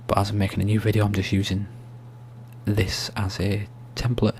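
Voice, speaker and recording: A soft-spoken man giving an ASMR-style screen tutorial, explaining steps in a hushed, unhurried, informal way. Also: fairly low pitch, monotone. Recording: faint hum and background noise.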